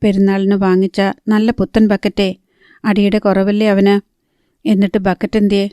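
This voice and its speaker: A woman voicing a quick-tempered old grandmother in a storybook reading, scolding with sharp questions. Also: mid-range voice, level tone, clean tone, dry recording, lightly acted. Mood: angry.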